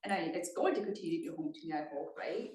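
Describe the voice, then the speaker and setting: A woman's voice: lowish voice, lively intonation, very fast, darkish tone. A woman from Thailand giving a conversational presentation at a community meeting, often checking in with her listeners. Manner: engaging, often checks in with the audience. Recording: roomy sound from a distant mic.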